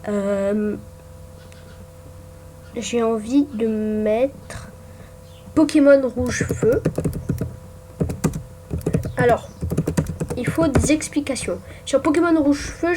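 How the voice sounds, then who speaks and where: A young woman giving casual commentary while making a ranking on her computer, hesitant with many fillers and restarts. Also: high-pitched. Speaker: gaming YouTuber. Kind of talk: casual screen-recorded commentary. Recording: faint background noise with keyboard typing.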